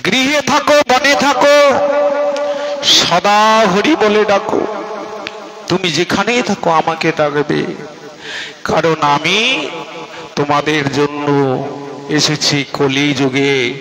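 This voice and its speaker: A man's voice: on the high side, takes it slowly, long pauses, poor audio. A man voicing a compassionate male divine saint who calls out to souls, pleading and impassioned. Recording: live gathering with crowd sound.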